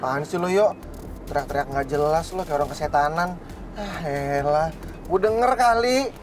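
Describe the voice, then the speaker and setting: Casting: man as a grumpy buddy, high voice. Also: normal speed, soft background music, natural voice. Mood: annoyed. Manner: grumpy, irritated. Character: grumpy sleepy young man Joy.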